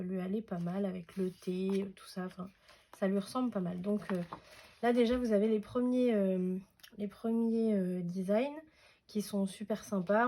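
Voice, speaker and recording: Soft-voiced woman chatting. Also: mid-range voice, a little hiss or hum. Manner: hesitant, many fillers and restarts. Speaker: craft vlogger. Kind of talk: casual unboxing chat.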